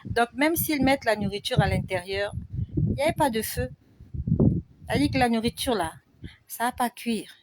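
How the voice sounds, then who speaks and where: A woman's voice: a little high, moderate pace, pauses often. A woman preacher giving a fervent sermon, making emphatic, repetitive declarations. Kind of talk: fervent sermon and prayer exhortation. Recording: loud background noise with clicks.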